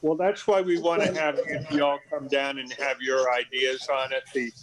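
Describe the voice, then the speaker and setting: A man speaking up at a meeting over a laptop video call, halting with many fillers, his audio muffled and cutting out over a bad connection. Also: mid-range voice, level tone, a bit bright. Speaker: volunteer greeter speaking at a meeting. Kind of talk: casual remarks on a video call. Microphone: laptop microphone on a video call.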